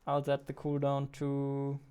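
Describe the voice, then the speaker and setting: Streaming his work from a small home studio, the indie game developer in his 20s talks casually into a close studio mic on a boom arm. His mid-range voice is monotone, slow, dark-toned and smooth.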